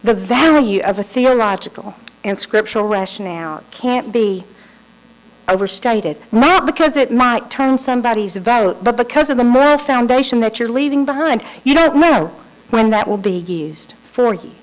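A woman's voice: a little high, normal speed, rough recording. A woman giving a lecture, telling stories and acting out the people in them. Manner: lively storyteller acting out quoted people. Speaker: speaker. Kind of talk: lecture with storytelling.

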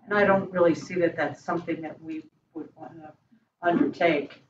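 A woman board member explaining her view at a meeting in a hesitant, halting, measured way. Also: on the low side, fairly even intonation. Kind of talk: deliberative meeting discussion. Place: indoor meeting room around a large table. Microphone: far room mic on a video call. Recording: echoey room, distant mic, dull, faint noise.

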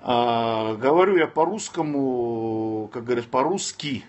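Measured in pace and medium in pitch, a Dagestani man in his thirties answers viewers' questions on a casual livestream, sitting indoors with his phone held close. He's blunt, curses freely, and breaks from calm advice to snap at trolls.

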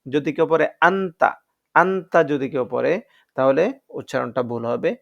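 Gravelly man teaching pronunciation. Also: mid-range voice, steady tone, darkish tone, dull audio. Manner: drills letter sounds slowly, repeating each one; patient, explanatory, addresses viewers as friends. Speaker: Quran recitation teacher. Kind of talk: step-by-step pronunciation lesson.

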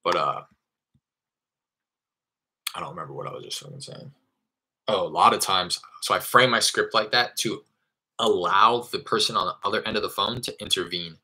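A man's voice: deep voice, normal speed, long pauses, sharp tone, husky. A man casually explaining his cold-calling routine in a live tutorial, loose and chatty with the odd curse. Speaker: real estate wholesaler teaching cold calling. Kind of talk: live screen-share tutorial.

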